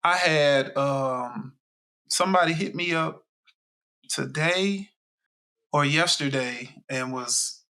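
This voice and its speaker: A man's voice: fairly high pitch, slow, pauses often, sharp tone. A middle-aged man co-hosting a casual podcast with his daughter, laid-back with dry humor. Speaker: podcast co-host. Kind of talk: casual chat.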